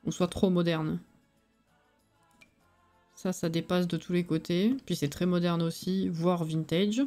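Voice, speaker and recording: A tired woman with a lisp that slurs her s sounds thinks aloud in casual, colloquial live-stream commentary over background music. Her fairly low voice is steady, unhurried, and mellow.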